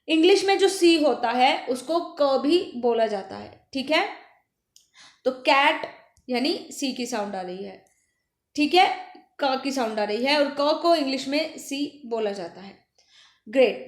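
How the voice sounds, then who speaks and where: A woman teacher giving a primary school phonics lesson, asking questions and answering them herself, repeating words slowly. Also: high voice. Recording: echoey room.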